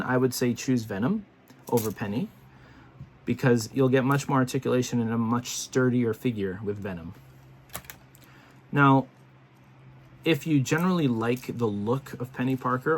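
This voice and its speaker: A man's voice: medium pitch, slight background noise. A man casually reviewing action figures to camera, chatty and rambling with lots of fillers and restarts, sounding tired and yawning. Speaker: toy reviewer.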